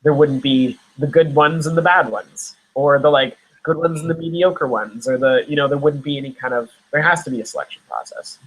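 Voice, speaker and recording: Young man from Nova Scotia, husky, loose rambling interview talk. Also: fairly high pitch, a little fast, few pauses, low-quality recording. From Nova Scotia, Canada. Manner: rambling, many fillers and restarts. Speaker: actor guest. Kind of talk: casual interview chat.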